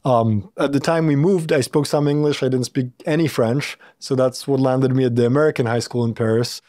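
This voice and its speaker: A Polish-born man in his thirties speaks as an interview guest in a podcast studio, on a boom-arm mic. He is thoughtful and circles back often with fillers and restarts. His pitch sits in the middle and the sound is dry and close. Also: fairly even intonation, fairly quick, warm tone, no echo. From Poland. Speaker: startup founder and CEO, guest. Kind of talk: casual interview talk.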